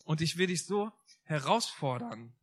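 A man preaching a lively, informal sermon, talking straight to his listeners and repeating key phrases for emphasis. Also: fairly high pitch, measured pace. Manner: emphatic, repeats phrases, laughs at own jokes; addresses listeners directly, informal asides.

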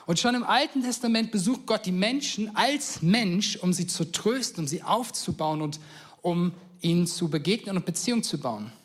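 A man with a high voice preaches a relaxed, conversational sermon. He retells old stories with enthusiasm and slips into quick acted-out quotes in plain everyday speech. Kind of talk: casual sermon.

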